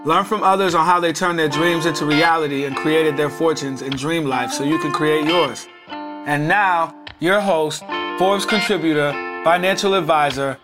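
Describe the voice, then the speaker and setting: A man booms out a scripted introduction for a show. His voice sits fairly high, and loud guitar music plays behind it. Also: moderate pace. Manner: booming announcer delivery. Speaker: show announcer.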